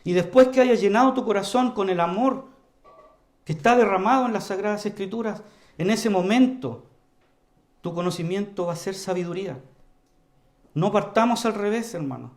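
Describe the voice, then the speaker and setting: A man preaching an earnest, emphatic sermon to his congregation, repeatedly calling them brothers and moving between loud emphasis and quiet, low passages. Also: moderate pace, long pauses. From Chile. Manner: earnest, emphatic, often addresses the congregation as "hermanos"; varies volume widely, rising to loud emphasis and dropping low.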